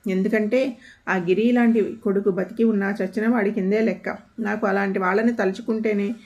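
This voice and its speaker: A woman storyteller reading a family story aloud in a steady, somber scripted narration. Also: medium pitch, brisk, creaky. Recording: dull lo-fi audio.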